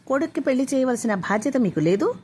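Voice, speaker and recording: A woman's voice: high voice, big pitch swings, fast, darkish tone, slight background noise, voice pushed up. A woman voicing a stubborn, defiant young man who talks curtly and insists on his way in a spoken story. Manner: curt, insistent.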